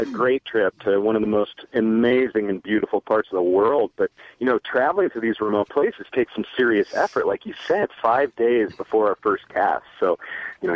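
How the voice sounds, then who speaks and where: A relaxed man with a lowish voice tells a long travel story and fills his pauses with um and uh. The sound is dull and lo-fi, like a phone line into a radio show, and very dry. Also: dry recording. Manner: easygoing, many um and uh fillers. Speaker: fly-fishing outfitter guest. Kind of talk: casual recounting of a trip.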